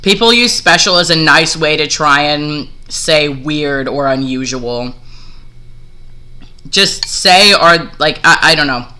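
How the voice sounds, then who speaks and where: A man's voice: a little high, animated, takes it slowly, sharp tone, clear, resonant tone. A man streaming casual commentary as he reacts to a video, talking bluntly and swearing freely, with some hesitant fillers.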